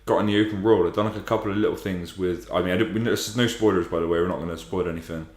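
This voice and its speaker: Deep, fast-talking man, very echoey. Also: fairly even intonation. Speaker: host of gaming podcast. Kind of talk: casual gaming chat. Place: indoor room with strong echo. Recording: very echoey room, big echo.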